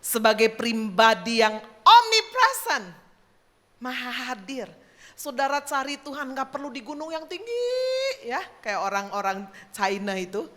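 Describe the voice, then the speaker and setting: Bright, high-voiced woman preaching. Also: unhurried. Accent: Indonesian. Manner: animated preaching with acted-out dialogue. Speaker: pastor. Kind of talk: sermon. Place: large church hall.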